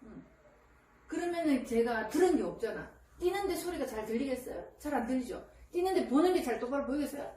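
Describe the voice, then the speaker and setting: A woman giving parenting advice in casual counseling talk, lively and animated, often acting out a child's voice. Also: high voice, fairly quick. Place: counseling room indoors. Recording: echoey room from a distance, faint ambient noise.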